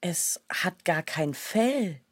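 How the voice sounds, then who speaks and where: A woman voicing a fierce, protective mother wolf in a children's storybook, speaking gently and slowly. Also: fairly low pitch, expressive, dry recording, studio quality, exaggerated voice. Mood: tender. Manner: soft and tender, turning fierce when defending.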